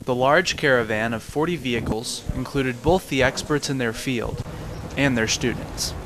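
A man's voice: mid-range voice, moderate pace, noisy background. A man reading scripted narration for a news feature.

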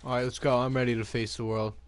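A man's voice: mid-range voice, little pitch movement, fast talker. A young man chatting casually while playing a game with a friend, joking, swearing and chanting silly lines. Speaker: gamer. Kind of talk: casual gaming chat.

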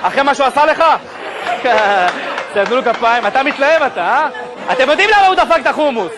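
High-voiced man teasing volunteers on stage. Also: lively intonation, crowd noise. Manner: teasing, bossy director banter. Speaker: comedian. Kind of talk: stand-up crowd work. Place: stage before a live audience. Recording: live show with audience noise.

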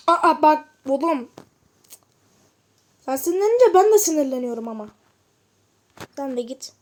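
A gamer with a warm voice that sits high gives casual commentary while she plays. She chats, mutters to herself, and breaks into frustrated outbursts.

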